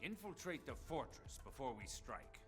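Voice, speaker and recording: An actor playing a stern, commanding male director general in a video game, with a measured, dry, authoritative delivery. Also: medium pitch, sing-song, over music, natural voice. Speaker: game character.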